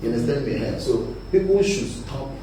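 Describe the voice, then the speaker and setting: A Nigerian man, a guest on a live panel discussion, talking forcefully and often asking "you understand me?". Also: medium pitch, expressive, a little fast. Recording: echoey room, mic at a distance, noisy.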